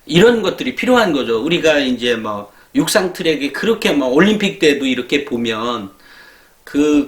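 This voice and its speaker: A middle-aged man explaining college admissions in a chatty lecture style, with many fillers and rhetorical questions. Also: a little high. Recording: echoey room.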